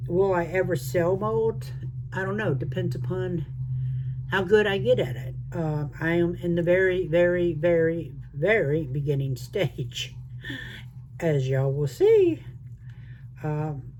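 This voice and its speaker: Against a noisy background, an older retiree who runs a resin crafting channel speaks in a medium-pitched voice with a mixed Southern American accent. She rambles chattily to her viewers, calling them y'all, as she does a resin craft in this casual vlog.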